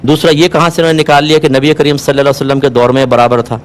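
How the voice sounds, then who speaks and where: A man answering viewers' religious questions on a call-in show, calm and explanatory, asking listeners to check they follow. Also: a little high, slight background noise. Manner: calm, explanatory, patient advice; asks rhetorical checks, occasionally amused.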